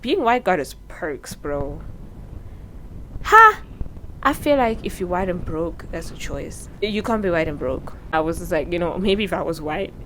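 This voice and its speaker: A woman's voice: fairly low pitch, a bit bright, slight background noise, low-quality recording. A woman in her early twenties with a South African accent, talking candidly and earnestly in a sit-down advice vlog on her own microphone. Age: early 20s. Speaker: vlogger. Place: indoors, seated. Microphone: own microphone with popping.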